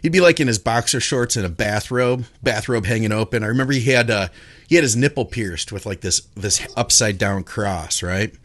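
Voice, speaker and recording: A man in his forties co-hosting a podcast, telling stories in a lively, animated way. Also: on the low side, moderate pace. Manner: animated storyteller. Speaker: podcast co-host. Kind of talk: casual storytelling. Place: home studio with video call.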